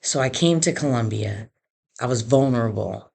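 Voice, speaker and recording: A middle-aged woman telling a personal story in an earnest, animated way, acting out the voices of the people she quotes. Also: a bass voice, moderate pace, vocal fry, slightly rough. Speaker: podcast host telling her story.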